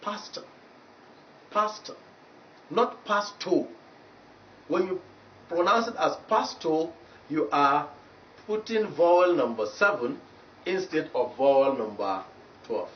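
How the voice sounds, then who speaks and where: A man with a Nigerian English accent teaching English pronunciation in a TV lesson, slowly repeating each example word. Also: on the high side, animated. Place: TV studio. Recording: roomy echo, distant mic, dull lo-fi sound, faint noise.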